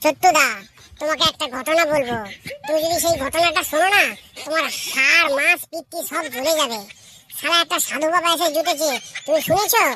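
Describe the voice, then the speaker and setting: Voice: sits high, brisk, background noise, close to an everyday voice. A performer voicing a gossipy, indignant young village man in a cartoon. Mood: urgent. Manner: excited, insistent. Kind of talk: cartoon voice acting.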